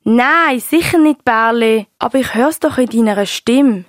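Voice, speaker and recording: A reminiscing Swiss German grandmother, played by a woman in a homemade radio play, telling her story fondly and at an easy pace. The voice is fairly high for a woman and sounds close and dry. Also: a little slow, no echo, natural voice. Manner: warm, storytelling, fond reminiscing. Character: older Swiss grandmother recalling her youth.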